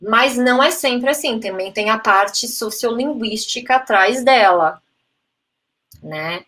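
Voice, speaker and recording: A woman's voice: on the high side, takes it slowly, sharp tone. Chatty Brazilian woman teaching phonetics. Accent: Brazilian Portuguese. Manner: chatty, frequent "né?" tags, mixes in English terms. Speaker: English and Spanish teacher, phonetics lecturer. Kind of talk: live online talk answering chat questions.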